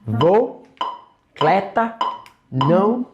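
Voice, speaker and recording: A Brazilian man teaching English, chatty and animated, laughing often and drilling phrases aloud. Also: high voice, extremely slow, lo-fi sound, music in the background. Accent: Brazilian Portuguese. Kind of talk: teaching chat over a student video.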